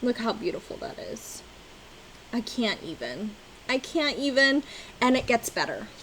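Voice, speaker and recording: A woman vlogging about cross-stitch, chatting casually to camera and gushing with excitement, now and then breaking into loud exclamations. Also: mid-range voice, normal speed, noisy background. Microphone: on-camera mic, seated at desk with ring light.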